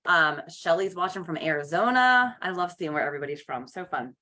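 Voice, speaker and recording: A woman leads a casual live coaching call over a video link. Her voice sits a little low yet sounds bright and clear, and she talks in a chatty, upbeat way. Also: expressive, brisk. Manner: chatty, upbeat, greets viewers by name.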